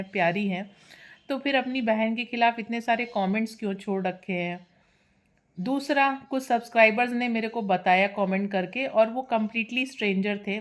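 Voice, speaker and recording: A woman, running a teasing, sarcastic gossip commentary as a reaction vlogger. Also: a little high.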